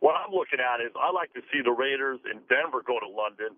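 A man's voice: medium pitch, expressive, fast talker, dry recording. Man calling in over a tinny phone line. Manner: friendly, rambling with fillers. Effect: heard over a phone line. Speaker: caller to a sports radio show. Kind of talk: casual call-in talk.

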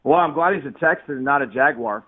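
A man on a call-in phone line, heard through a tinny Bluetooth connection that keeps cutting in and out. He talks at an average pitch in a relaxed, chatty way, laughing now and then while he tells his stories. The sound is narrow and lo-fi. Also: quick pace. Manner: chatty, easygoing storyteller who laughs often. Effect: phone call over a Bluetooth line that cuts in and out. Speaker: sports reporter calling in as guest. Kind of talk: casual sports radio chat by phone.

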